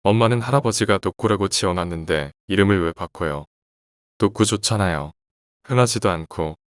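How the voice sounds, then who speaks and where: A polite teenage boy talking to his mother, mildly protesting, as a male narrator reads his lines. The voice is very low and the sound is dry and close. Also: normal speed, no room sound, close to an everyday voice. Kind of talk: horror story reading.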